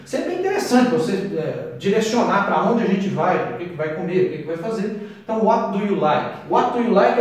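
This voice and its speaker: Brazilian male English teacher, fairly high voice, drags out each example phrase, recorded from a distance in a very echoey room. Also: darkish tone. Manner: slows right down to spell out each English phrase. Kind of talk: explaining at a whiteboard.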